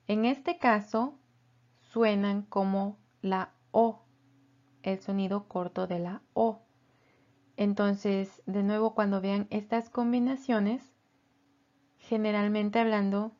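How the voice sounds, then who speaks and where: Woman pronunciation teacher, very slow and deliberate delivery, slightly dull lo-fi recording. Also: medium pitch, steady tone, a little mellow. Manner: slow and careful, repeating each word twice.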